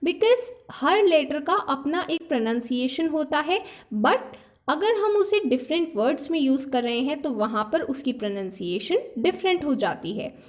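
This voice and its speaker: A high-pitched young woman gives a classroom lesson. She explains step by step, mixing two languages, and keeps returning to her main points. She slows down to spell out each example word. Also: lively intonation. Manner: Hindi-English mixed explanation, repeats points, reads out example words slowly. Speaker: teacher.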